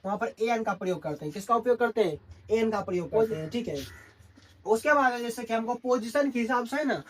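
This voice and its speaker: An English grammar teacher gives a classroom lesson in Hindi in a very high-pitched, expressive voice with a slight hiss or hum. He talks briskly in a call-and-response style, constantly asking and answering his own questions.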